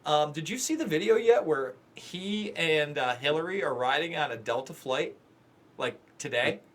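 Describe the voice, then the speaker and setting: Male co-host, a touch high-pitched, teasing and jokey. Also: animated, moderate pace, fairly bright tone. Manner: joking, teasing, laughs often. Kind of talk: casual live-stream chat.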